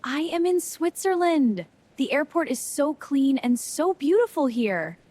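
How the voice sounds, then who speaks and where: Woman as excited young female traveler, very slow speech, high lively voice, English lesson narration. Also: a little hiss or hum. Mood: calm wonder. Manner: very slow, simple short sentences. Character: excited, wide-eyed young woman tourist.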